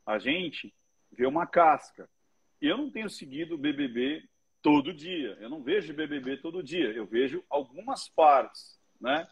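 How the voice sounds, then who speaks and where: Man, speaking-teacher guest, animated storytelling, swears, husky, higher voice. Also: moderate pace. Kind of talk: casual commentary chat.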